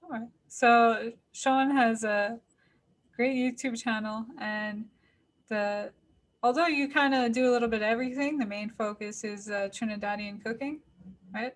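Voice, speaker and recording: A woman's voice: on the high side, fairly even intonation, measured pace. A woman hosting a podcast, chatting casually and upbeat with her guest. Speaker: podcast host. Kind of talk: casual interview chat.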